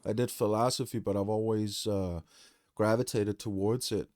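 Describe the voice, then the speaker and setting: A man hosts a casual conversational podcast, chatting reflectively with frequent fillers. His voice is lowish and darkish, with fairly even intonation at normal speed, and the studio sound is clean with no echo.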